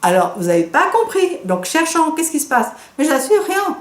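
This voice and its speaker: A woman doctor with a French accent, teaching a course, who tells a patient case in a lively way and acts out the dialogue. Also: high voice, moderate pace. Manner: lively, animated storytelling with quoted dialogue. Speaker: doctor and trainer. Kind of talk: storytelling lecture. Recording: echoey room.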